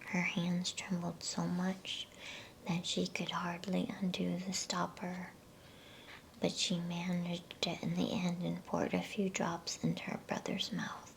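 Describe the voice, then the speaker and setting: A woman reading a bedtime story in a breathy, soothing ASMR whisper. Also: lowish voice, completely flat delivery, a little hiss or hum, poor audio. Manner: hushed, unhurried, soothing delivery. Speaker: storybook reader.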